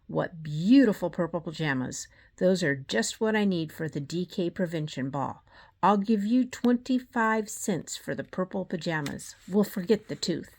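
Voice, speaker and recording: Queen Dentina, a shrill imperious fairy queen, as a woman puts her on. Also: animated, moderate pace, darkish tone. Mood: demanding. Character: haughty shrieking fairy queen.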